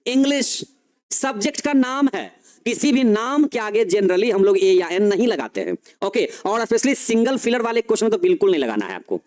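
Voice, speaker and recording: A man's voice: sits high, big pitch swings, normal speed, a little mellow. A young man teaching a live online grammar class, explaining step by step and asking his students questions.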